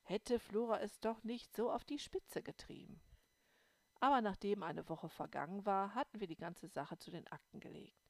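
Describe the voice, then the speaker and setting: A woman narrating a first-person audiobook in a calm storytelling manner. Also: mid-range voice, moderate pace, no room sound. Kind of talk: scripted narration.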